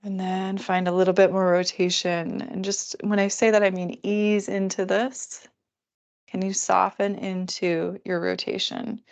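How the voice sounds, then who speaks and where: A woman teaching a restorative yoga class, calmly counting breaths and giving relaxed, chatty cues. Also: mid-range voice, a little slow, gravelly.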